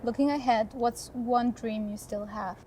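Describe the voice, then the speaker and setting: Brisk, higher-voiced woman interview host. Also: fairly even intonation, warm tone, slight background noise, poor audio. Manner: brisk and upbeat, quick to laugh. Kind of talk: interview with rapid-fire questions.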